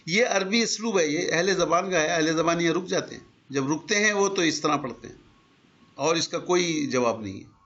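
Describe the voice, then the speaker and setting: In a dull, lo-fi recording, an older male teacher patiently walks through Arabic grammar with examples, mixing English words into the conversational lesson. His voice is a little high with a fairly bright tone.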